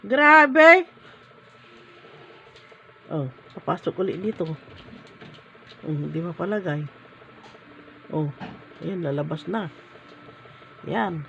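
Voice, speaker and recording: A woman's voice: lowish voice, animated, takes it slowly, creaky, pauses often, a bit bright, muffled recording, a little hiss or hum. A woman at home filming her dog and talking to it in a playful, coaxing way, laughing often. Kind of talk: casual talk to a pet. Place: at home, indoors.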